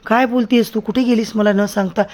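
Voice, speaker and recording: A man's voice: sits high, fairly even intonation, a little fast, voice pushed up, close to an everyday voice. A man reading an anxious young lover. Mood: worried. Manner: worried, questioning. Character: anxious young man worried about his love.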